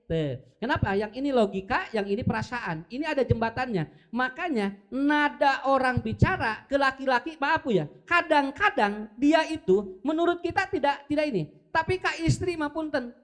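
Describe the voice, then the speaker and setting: A man with a Sundanese accent giving a lively religious talk on parenting, speaking directly to mothers and fathers and acting out tones of voice. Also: very high voice. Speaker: Islamic preacher.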